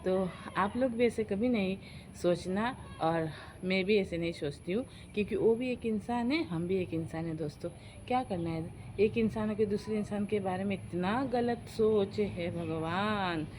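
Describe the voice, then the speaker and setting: A woman's voice: mid-range voice, unhurried, slight background noise. Chatty Hindi-speaking woman vlogger. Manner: chatty, animated, quotes relatives in their voices. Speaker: vlogger telling a family story. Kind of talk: casual storytelling to viewers.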